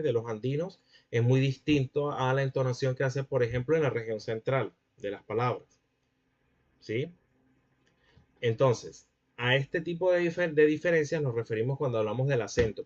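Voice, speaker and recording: A man with a Venezuelan accent gives a linguistics lecture in a voice of ordinary middle pitch. He explains patiently and keeps pausing to ask whether the class is following. The sound is dull and lo-fi. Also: darkish tone. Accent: Venezuelan Spanish. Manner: explanatory, checks in with students often. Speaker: linguistics teacher. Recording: muffled lo-fi audio.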